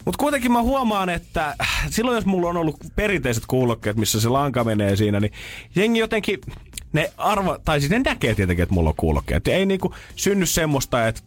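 A man's voice: fairly high pitch, very animated. A male radio morning show host telling a funny everyday story in casual chat, laughing often.

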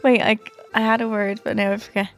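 A woman's voice: medium pitch, level tone, fast talker, soft background music. A woman with a Dublin accent chatting casually and frankly as a podcast co-host. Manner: frank, sweary. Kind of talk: casual chat.

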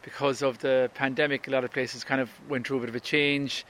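Kerry radio man with medium pitch. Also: little pitch movement, fairly quick, fairly bright tone. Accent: Kerry Irish. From County Kerry, Ireland. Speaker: local radio presenter, interviewed. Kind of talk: chatty interview answers.

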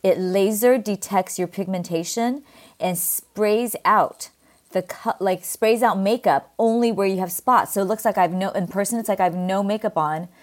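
Medium in pitch and normal in pace, this Californian skincare brand founder talks on a podcast as an interview guest via video call. She is middle-aged, has a Valley girl accent, and keeps things casual yet emphatic.

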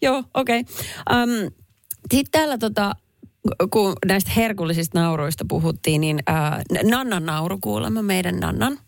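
A woman co-hosting a radio show in casual chat, with lively sudden high exclamations. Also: creaky, no room sound, clean studio sound. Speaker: radio host. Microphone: studio mic.

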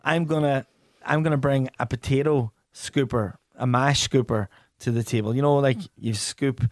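A man's voice: mid-range voice, fairly even intonation, moderate pace, dry recording, studio quality. A middle-aged man with a Donegal accent, chatting casually as a podcast co-host with a wry, slangy, teasing manner. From Donegal, Ireland. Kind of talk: casual banter.

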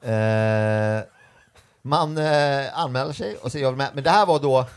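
Young male comedian guest, casual anecdotes, animated quoting, mid pitch. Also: clear, resonant tone. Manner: animated, acts out quoted voices. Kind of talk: casual storytelling chat.

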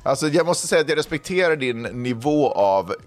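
A co-host in casual chat, giving quick backchannel replies and teasing questions. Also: mid-range voice, animated, soft background music. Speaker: podcast co-host.

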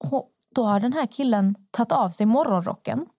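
A woman tells a story on a chatty podcast, slipping into the voices of the people she describes. Her voice sits a little high. The sound is dry and close, with no room echo. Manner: animated, acts out the people in her stories. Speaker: podcast host. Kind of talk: casual storytelling chat.

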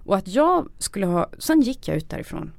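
A woman's voice: mid-range voice, sing-song, vocal fry, a little mellow, dry recording. A middle-aged woman, an interview guest, telling a personal story frankly and with feeling. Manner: frank, emotional, acts out quoted dialogue.

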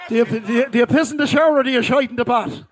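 A middle-aged man with a Dublin accent and a strikingly high voice. He talks in casual live banter, blunt, teasing and full of swearing. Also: racing, crowd noise. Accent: Dublin, Irish. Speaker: speaker on stage at a live podcast. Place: live podcast show at a festival.

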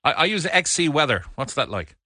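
A man's voice: on the high side, sing-song, brisk, sharp tone, slightly rough, dry recording, clean studio sound. An Irish man presenting a radio phone-in in a conversational style. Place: dry radio studio.

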